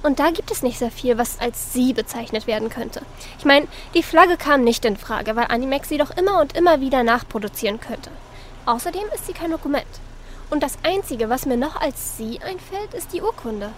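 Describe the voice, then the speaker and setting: A woman playing an excitable, caring young female secret agent with an expressive anime-style delivery in an audio drama. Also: sits high, fairly quick, slight background noise. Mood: earnest. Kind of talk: hobby audio drama acting.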